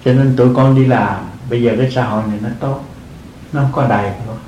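A man's voice: medium pitch, steady tone, fast talker, dark tone, roomy sound, lo-fi sound, slight background noise. An older man, a monk, giving an earnest dharma talk to lay followers, repeating his phrases and chuckling often. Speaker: Buddhist monk teaching.

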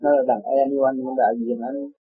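A man giving a measured, didactic spiritual teaching. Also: mid-range voice, huge pitch swings, slight background noise. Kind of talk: religious teaching. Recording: phone-like sound, faint music.

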